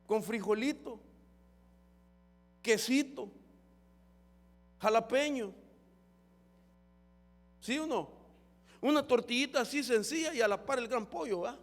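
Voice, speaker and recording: A man's voice: very high-pitched, takes it slowly, long pauses, soft background music. A man preaching a fervent sermon as pastor, often calling his listeners brother. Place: church hall. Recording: long church hall reverb.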